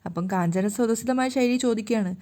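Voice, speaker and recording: Fairly high, mellow woman storyteller. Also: a little fast. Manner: plain, steady retelling with small slips. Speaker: storyteller recapping a serial. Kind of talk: casual story recap narration.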